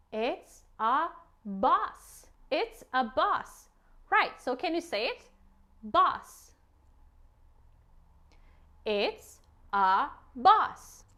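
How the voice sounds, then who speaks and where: A woman with a high, very animated voice talks to a small child as a teacher. She goes very slowly, repeats short phrases and simple questions, and draws out key words. Her manner is encouraging and full of praise. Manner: exaggerated, drawn-out key words. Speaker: English teacher for young children. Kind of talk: interactive children's vocabulary lesson.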